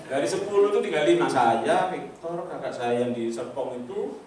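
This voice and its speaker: An older man preaching a personal testimony, telling stories with animated asides to the congregation and acting out the voices of others. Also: a little high, normal speed, a little hiss or hum. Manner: lively storytelling, acts out voices, congregation asides. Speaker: pastor. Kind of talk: sermon testimony. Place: church hall. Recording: echoey hall from far off.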